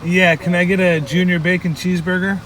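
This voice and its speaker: A man's voice: high voice, level tone, a little fast, a bit bright, poor audio. A man ordering food at a drive-through from his vehicle, talking in a casual, upbeat way. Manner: casual, upbeat, talks straight to viewers. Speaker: vlogger host. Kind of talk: casual vlog. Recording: car noise behind the voice.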